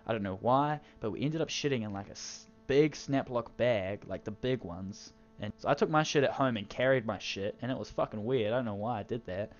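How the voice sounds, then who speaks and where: A teenage man tells a story in a loose, rambling way, swearing at almost every turn. He speaks at an ordinary pitch for a man. The recording is dull and lo-fi, with faint music underneath. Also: brisk, few pauses. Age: teens. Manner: crude, swears constantly, rambling. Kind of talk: casual storytime narration.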